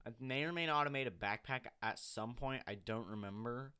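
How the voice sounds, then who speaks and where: Bright-voiced man rambling over gameplay. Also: mid-range voice, fairly quick, clear, resonant tone. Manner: rambling, self-correcting, chatty. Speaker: gaming channel host. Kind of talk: casual voiceover commentary on gameplay.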